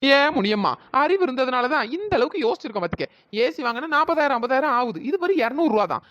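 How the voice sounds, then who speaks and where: A woman's voice: high voice, lively intonation, fast, a bit bright, no room sound. A woman doing a cheeky, lazy village woman. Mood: teasing. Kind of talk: cartoon voice acting.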